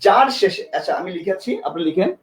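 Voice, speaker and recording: A man with a Bangladeshi Bengali accent teaches a live online exam-prep lesson in a high, light voice. He repeats each point and keeps firing questions at his students, pressing them to pay attention. The room around him rings with echo. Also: expressive, quick pace. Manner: repetitive, quizzes students with questions; emphatic, urges attention.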